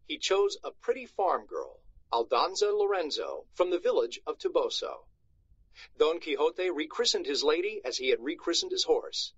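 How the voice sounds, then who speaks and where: A man reads a storybook aloud to schoolchildren, narrating in an expressive, dramatic style. His voice is fairly high and slightly rough, and the recording sounds a bit muffled.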